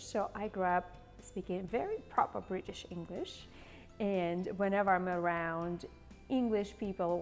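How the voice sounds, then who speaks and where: Fairly low in pitch, with a long reverb tail on the sound, a woman in her forties runs a cooking demo in a large home kitchen. As host she's chatty and bubbly, laughs often, and plays at a fake Southern accent.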